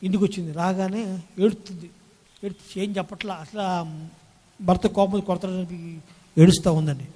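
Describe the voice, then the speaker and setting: A man with a high, ringing voice preaches a lively Sunday sermon, calling out hallelujahs and acting out quarrelling spouses. His words trail off into the long reverb of a church hall. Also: moderate pace, long pauses. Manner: animated preaching, calls Praise the Lord and hallelujah to the congregation; acts out quoted spouses in everyday scenes. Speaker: pastor.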